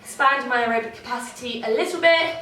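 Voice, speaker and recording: A woman's voice: fairly high pitch, fast, bright, forceful tone, a little hiss or hum. Breathless woman teaching a dance class. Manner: encouraging, counts beats aloud. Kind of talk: online dance warm-up class. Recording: echoey room, distant from mic, faint music.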